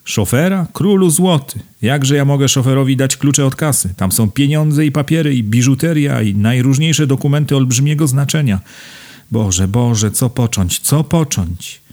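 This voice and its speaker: A man's voice: mid-range voice, moderate pace, few pauses, a little mellow, pitched above the performer's own voice, natural voice. A man voicing a fawning, panicky older businessman who lisps and pleads for help in an audiobook. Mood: desperate. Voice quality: lisping. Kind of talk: audiobook character voice.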